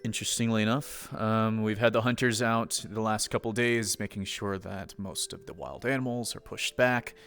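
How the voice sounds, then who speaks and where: A man playing a calm male academy professor in a role-play, explaining things in a measured, unhurried way. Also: fairly low pitch. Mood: reassuring.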